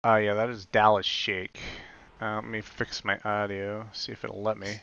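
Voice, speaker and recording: A man's voice: on the low side, flat delivery, normal speed, gravelly, a bit bright, smooth. Man sounding like he's in a tube. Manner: rambling, loose, with many fillers. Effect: muffled sound, as if talking through a tube. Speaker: race commentator. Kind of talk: casual online race commentary. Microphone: webcam mic picked up by mistake. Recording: dull lo-fi webcam mic, tube-like.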